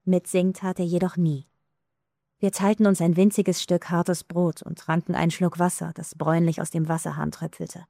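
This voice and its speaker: A woman reading a first-person story as an audiobook narrator, calm, measured and somber. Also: on the low side, gravelly, no room sound, clean studio sound.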